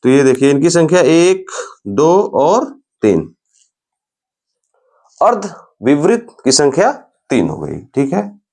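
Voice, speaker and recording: A man teaching grammar in a lecture style. He explains slowly, repeats sounds and terms, and keeps calling the listener's attention. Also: a little high, very animated, creaky, darkish tone.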